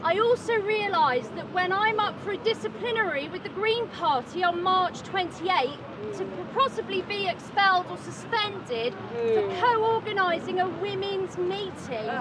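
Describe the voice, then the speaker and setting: A middle-aged woman gives personal testimony to an outdoor gathering. Her voice is very high, recorded some way from the mic amid clear crowd noise. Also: distant mic, low-quality recording. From Norwich, England. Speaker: speaker at outdoor women's rally. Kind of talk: public speech, personal testimony. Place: outdoors at a public gathering in the rain.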